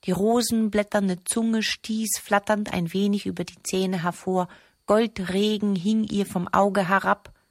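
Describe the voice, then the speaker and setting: A woman reading a surreal literary text aloud as narrator, slow and deliberate. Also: mid-range voice, fairly even intonation, a little mellow, no room sound, clean studio sound.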